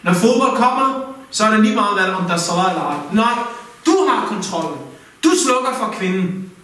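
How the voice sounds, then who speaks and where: A man teaches in a mosque in a lively, direct manner and puts questions to his listeners. His voice sits fairly high. The recording is very echoey and picked up from far off in the hall. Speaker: Islamic teacher. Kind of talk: mosque talk.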